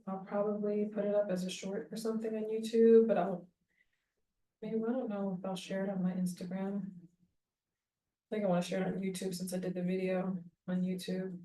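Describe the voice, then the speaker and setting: Thinking out loud while styling her hair, a woman in her thirties who runs a small business rambles casually and pokes fun at herself. Her medium-pitched voice echoes around her home bathroom, captured from a distance.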